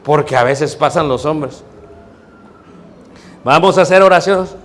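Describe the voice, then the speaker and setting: A man's voice: a little high, unhurried, slight background noise. A male preacher teaches a sermon class. He asks his congregation questions and acts out the voices he quotes.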